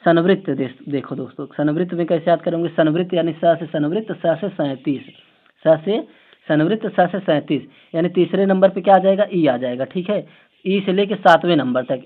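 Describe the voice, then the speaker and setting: A man's voice: a little high, normal speed. A man teaching an exam-prep grammar lesson online. He explains memory tricks, keeps asking rhetorical questions and talks aloud as he writes. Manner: talks aloud while writing on the screen. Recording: tinny phone-like audio.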